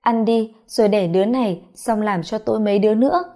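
A woman voicing a middle-aged mother-in-law who is gruff and curt but caring. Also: mid-range voice, fairly quick, warm tone, natural voice.

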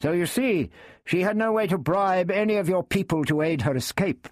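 A man's voice: sits high, normal speed, no echo, studio quality, pitched above the performer's own voice, lightly acted. A man voicing a young English knight who reasons firmly and earnestly. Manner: firm, earnest, argumentative.

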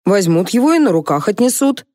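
A woman voicing a bossy, outspoken female housekeeper who talks bluntly, jumping high in pitch. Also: big pitch swings, fairly quick, warm tone, dry recording, studio quality, close to an everyday voice. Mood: matter-of-fact. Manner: blunt, brash, shrill high outbursts.

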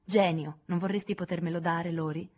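A woman's voice: fairly low pitch, steady tone, a little fast, a little mellow, close to an everyday voice. Woman doing a blunt tomboyish girl. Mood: grumbling. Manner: blunt, grumbling.

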